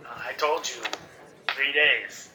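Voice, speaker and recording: A man doing a raspy, sleep-deprived guy. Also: mid-range voice, fairly even intonation, slow pace, echoey room, recorded from a distance, background noise, natural voice. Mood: groggy. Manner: curt, groggy replies.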